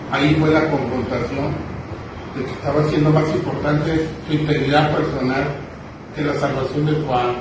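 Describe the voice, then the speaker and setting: A man preaching a sermon, telling the story with emphatic repetitions. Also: mid-range voice. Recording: echoey hall, distant mic, noisy.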